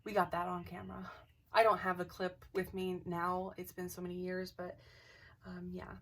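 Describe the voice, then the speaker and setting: A woman telling a personal ghost story to camera in a casual, animated way, acting out the dialogue and sometimes dropping to a whisper. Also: on the low side, moderate pace. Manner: animated, acts out quoted dialogue, drops into whispers. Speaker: craft channel host. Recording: voice a bit distant from the mic.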